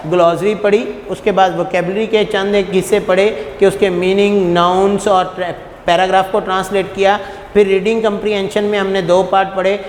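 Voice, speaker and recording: Male teacher in echoey room. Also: sits high. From Pakistan. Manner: patient, poses rhetorical questions, calls students "beta". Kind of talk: classroom lecture. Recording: echoey room with long reverb, faint noise.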